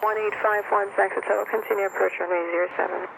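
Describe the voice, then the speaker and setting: A man working as an air traffic controller, giving rapid, clipped instructions over a radio transmission heard through a headset. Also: high-pitched, flat delivery, creaky. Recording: lo-fi radio with static hiss.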